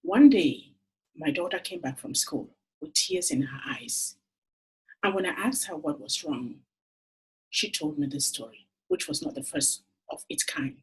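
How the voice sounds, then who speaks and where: Husky-voiced woman in her 40s, earnest personal pitch to camera, voice rising and falling a lot. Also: big pitch swings, unhurried, low-quality recording. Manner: earnest, heartfelt storytelling. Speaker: entrepreneur making a funding appeal.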